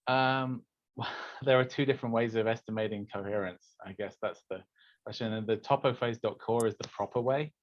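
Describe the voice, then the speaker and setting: A man's voice: fairly low pitch, fairly even intonation, moderate pace, no room sound. A man teaching, patiently answering technical questions in an online office-hours session. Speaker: course instructor answering questions. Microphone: video call. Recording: dry, dull lo-fi online call audio.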